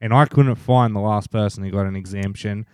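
Clear, low-voiced Australian man explaining casually. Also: fairly even intonation, fairly quick, dry recording, studio quality. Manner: informal, sweary. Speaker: podcast co-host.

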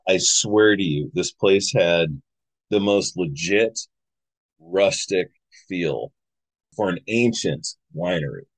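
A man hosting a podcast, telling rambling, animated anecdotes in a casual chat with many fillers. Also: low-pitched, no echo, low-quality recording. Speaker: podcast host. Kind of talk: casual conversational storytelling.

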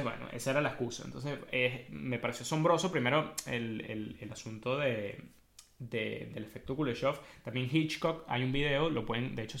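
A Venezuelan-accented man hosts a casual monologue at a middling pitch. He explains in a colloquial, animated storytelling manner, dropping in everyday slang. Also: vocal fry. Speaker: host.

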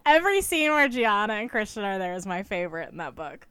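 A woman's voice: medium pitch, big pitch swings, fast talker, fairly bright tone, clear, resonant tone, no room sound. A woman hosting a podcast, chatting casually about books and using many "like" fillers. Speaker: podcast host. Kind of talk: casual book chat.

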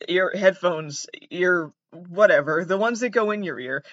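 A man from the United States with vocal fry and a monotone, deadpan delivery, hosting a podcast as a casual, self-deprecating, sweary comedic monologue. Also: sits high, unhurried, no echo, muffled recording. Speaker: podcast host.

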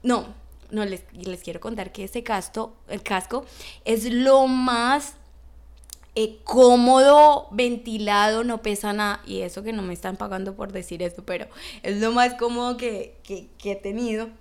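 A young woman telling a personal story in a casual, animated way, acting out the voices of the people in it. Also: a little high, a little slow. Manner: animated, acts out voices of others. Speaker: vlogger.

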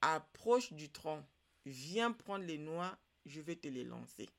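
A storyteller putting on a greedy parrot from a folk tale. It talks in a smooth and sly way, slow and quiet. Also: mid-range voice, big pitch swings, heavily acted.

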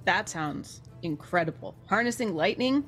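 A woman's voice: fairly low pitch, lively intonation, normal speed, fairly bright tone, faint music behind. A woman player in a tabletop game, talking to a character in a friendly, chatty way.

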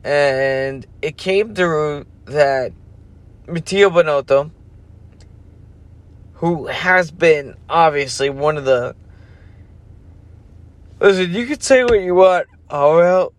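A man's voice: on the high side, takes it slowly, long pauses. A sleepy, yawning man ranting casually as a podcast host, rambling and losing his focus. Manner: rambling, loses focus, self-interrupting. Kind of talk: casual rant.

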